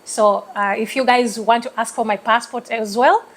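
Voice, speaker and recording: A woman from eastern Uganda with a Ugandan accent, a talk show guest who speaks earnestly and deliberately, like giving a speech. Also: on the high side, fairly even intonation, rough recording.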